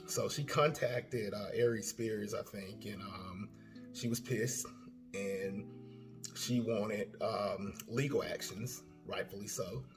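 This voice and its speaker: A man's voice: fairly low pitch, slow pace, faint music behind. A man giving casual spoken commentary as a channel host, rambling and hesitant, full of fillers and restarts.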